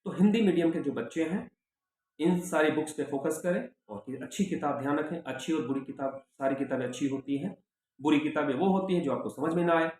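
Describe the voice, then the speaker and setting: A man's voice: on the high side, fairly quick, darkish tone. A middle-aged man, a sociology professor, giving students direct, repetitive advice in a lecture. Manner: direct, repeats points with emphatic reminders. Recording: very echoey room with faint background noise.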